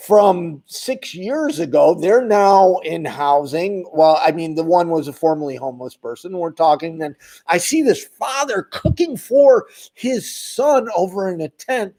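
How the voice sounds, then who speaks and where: A high-pitched male voice with a darkish tone belongs to a homeless advocate who runs his own channel. Speaking directly to the camera, he addresses viewers in an impassioned, emphatic rant.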